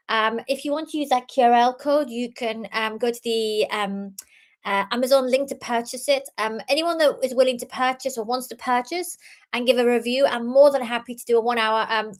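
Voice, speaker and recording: A young adult woman, born in Iran, giving an earnest talk as an author and innovation speaker, with many ums and restarts. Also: a little high. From Iran, raised in the UK. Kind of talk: talk presentation.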